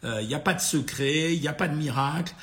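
A man with a gravelly, hoarse, tired voice, informally answering listeners' questions as a doctor in a blunt, familiar way. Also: a little high, brisk, fairly bright tone. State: tired, a bit worn out. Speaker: doctor hosting a nutrition question-and-answer session. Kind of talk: informal live question-and-answer, reading out comments and replying.

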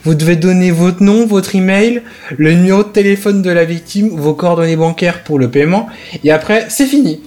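A man's voice: high-pitched, moderate pace, a little mellow. A man co-hosting a casual podcast, presenting a news item with many fillers and restarts. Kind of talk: casual group chat.

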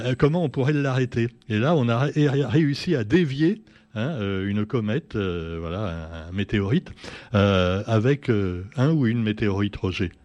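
A man's voice: lowish voice, darkish tone, no room sound. A man hosting a casual press review, sardonic and chatty, full of fillers and asides, from Réunion.

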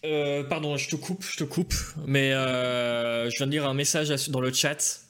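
A man's voice: mid-range voice, steady tone, unhurried, a bit bright, clean tone. A man with an ordinary mid-range voice hosts a casual live stream. He talks in an easygoing way and reads messages from the chat aloud. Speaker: host.

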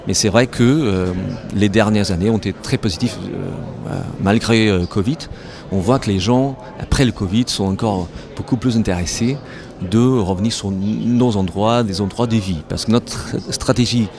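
A man with a fairly low pitch gives trade-show interview answers on behalf of his company, speaking French as a second language with a foreign accent. Halting and repeating words while he searches for phrasing, he is backed by the crowd chatter of the busy fair.

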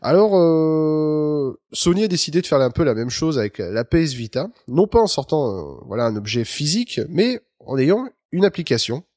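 A man's voice: fairly high pitch, big pitch swings, fairly quick, hardly any pauses, darkish tone, no echo, studio quality. A man hosting a casual podcast chat, talking loosely with lots of fillers and restarts. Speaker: podcast host.

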